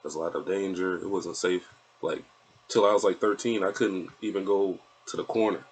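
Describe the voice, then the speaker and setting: A man in his twenties from Flint, Michigan, in the United States, speaks in a low, breathy-edged voice with fairly even intonation and a moderate pace. He's an event promoter appearing as an interview guest, casual and laid-back and rambling a little, on a low-quality recording.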